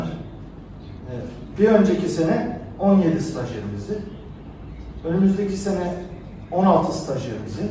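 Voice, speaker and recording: Mellow-voiced man speaking in a very echoey room. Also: on the high side. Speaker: Turkish official addressing a ceremony. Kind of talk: formal speech, unscripted. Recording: very echoey room, distant mic, faint noise.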